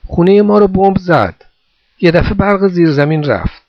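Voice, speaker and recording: A man's voice: sits high, expressive, no room sound, voice pushed up. A man doing a small, earnest, weary boy. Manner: earnest, pleading childlike delivery. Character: small war-orphaned boy, worn out, watchful. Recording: dull dry recording.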